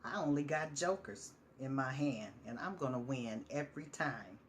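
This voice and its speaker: Haunted drunk vet guy, guilty and jumpy, rambles loud and worked up, a woman reading him out. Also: extremely low pitch, expressive, moderate pace, slight background noise. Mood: agitated. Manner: raised, agitated and rambling. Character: haunted drunk male veteran, guilt-ridden and paranoid.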